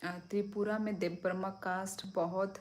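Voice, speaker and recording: Middle-aged woman, unhurried livestream chat, phone mic at home. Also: mid-range voice, little pitch movement. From Tripura, India. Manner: slow, easygoing, answers viewers one by one. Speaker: livestream host. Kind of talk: casual live chat reading comments. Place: home at night.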